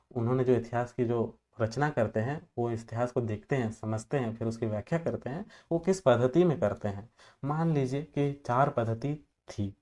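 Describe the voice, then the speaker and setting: A man's voice: mid-range voice, warm tone. A male teacher explaining exam material in an easygoing, talky manner. He fills his sentences with filler phrases and reaches for everyday examples to make points land. Now and then he trips over a technical term and corrects himself. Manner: loose conversational explaining with homely examples; filler-heavy, repeats "जो है" often. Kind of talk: exam-prep lecture.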